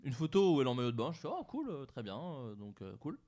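A man's voice: mid-range voice, quick pace. Guy on a podcast telling a story, laughs a lot, lots of euh and hesitations, chatting round a table. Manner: animated, laughing anecdote with many fillers. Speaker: podcast co-host. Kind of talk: casual storytelling chat. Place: around a table with friends.

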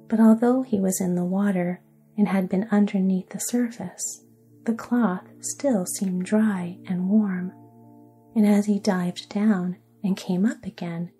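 A woman narrating a sleep story in a soft, hushed, soothing whisper. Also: mid-range voice.

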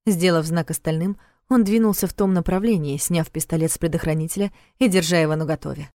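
A woman narrating an audiobook thriller in a steady, measured reading on a close mic. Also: fairly low pitch, no echo. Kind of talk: scripted narration.

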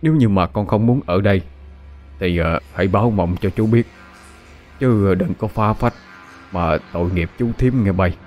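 A man's voice: sits low, moderate pace, dull audio, soft background music, natural voice. A man voicing a kind village husband, Southern Vietnamese accent, humble, earnest, hesitant.

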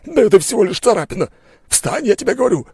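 A pudgy, hot-tempered merchant baron, voiced by a man roars his orders, his pitch leaping far above the reader's own deep tone. The voice is strained and lurches all over the place. It sounds like an audiobook character in a fit of rage. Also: big pitch swings, fast talker, creaky, a little mellow, slightly rough, no echo, clean studio sound, heavily acted. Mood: furious bellowing. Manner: bellowing, raging. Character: furious fat merchant baron, man, middle-aged.

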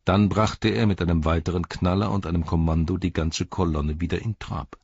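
A man narrating an audiobook in a measured, dramatic storytelling manner. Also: low-pitched, steady tone, vocal fry, a little mellow, breathy edge, no room sound, dull audio. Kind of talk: scripted narration.

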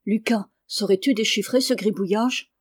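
A woman's voice: medium pitch, moderate pace, natural voice. Woman reading as a plain-spoken farmer father.

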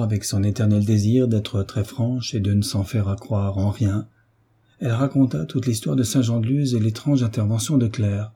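A man narrating a novel in a measured, steady reading. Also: fairly low pitch, husky. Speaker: audiobook narrator.

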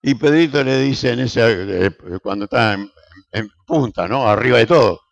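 An older man with a Rioplatense Spanish accent, a pastor giving an animated, joking sermon full of rhetorical questions. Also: medium pitch, moderate pace, vocal fry, muffled recording.

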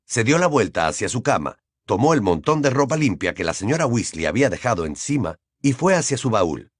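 Man narrating a storybook, lively voice. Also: medium pitch, a little fast, no echo, clean studio sound. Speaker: audiobook narrator. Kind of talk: scripted narration.

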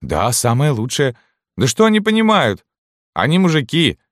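A man voicing an excitable army canteen woman who talks loudly and exclaims a lot. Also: mid-range voice, dry recording, clean studio sound, pitched above the performer's own voice. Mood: brash. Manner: loud, exclaiming, quick to pity.

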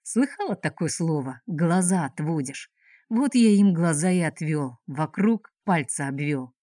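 A woman's voice: deep voice, lively intonation, a little slow, mellow, no room sound, clean studio sound. A woman voicing a sly, cheerful young male wanderer who talks in an easygoing, teasing way.

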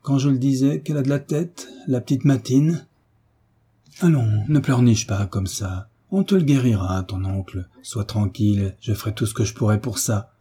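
A man voicing a gruff, affectionate old family doctor who speaks brusquely and heartily. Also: medium pitch, normal speed, mellow. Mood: hearty, brusque.

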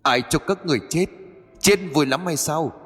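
A man's voice: medium pitch, lively intonation, moderate pace, long reverb tail, lightly acted. Man voicing a mournful mother's ghost. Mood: anguished. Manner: mournful, pleading, gently scolding. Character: sorrowful ghost of a dead mother.

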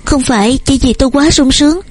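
A woman voicing a shy, gentle young woman painter who talks softly and playfully. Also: sits high, brisk, faint music behind, pitched above the performer's own voice, close to an everyday voice. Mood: tender. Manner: soft and sweet, a little playful.

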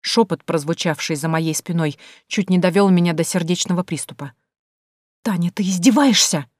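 A woman narrating an audiobook in the first person, measured and suspenseful, on a close microphone. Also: on the low side, steady tone, a little mellow, dry recording.

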